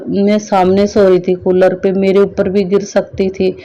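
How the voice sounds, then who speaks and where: A middle-aged woman sharing a devotional personal testimony in an earnest, halting storytelling manner. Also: medium pitch, monotone, dark tone, highs cut off, slight background noise.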